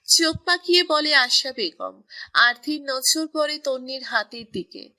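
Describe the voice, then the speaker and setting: Unhurried and even, a woman narrates a romantic story in a high, bright tone. Her delivery is crisp and has a scripted quality.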